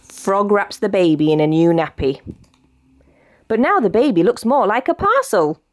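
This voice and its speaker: A young British woman reading a children's bedtime story aloud in an expressive, animated way. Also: medium pitch, moderate pace, no echo. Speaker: storybook reader.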